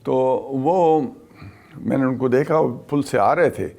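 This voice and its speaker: An older man from Pakistan, a retired army officer, recounts a wartime memory in an interview, speaking haltingly with many pauses. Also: medium pitch, gravelly, darkish tone.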